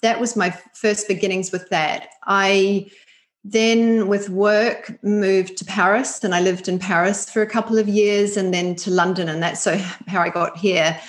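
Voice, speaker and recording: A middle-aged woman, a meditation teacher, speaking calmly and reflectively as an interview guest. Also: mid-range voice, measured pace. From New Zealand. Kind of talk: casual interview chat.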